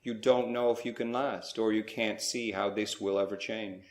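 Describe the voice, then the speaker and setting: In a roomy space with noticeable echo, a man with a deep voice leads a slow, spiritual guided meditation. His tone stays very flat and even, and he speaks in brief, measured phrases separated by pauses.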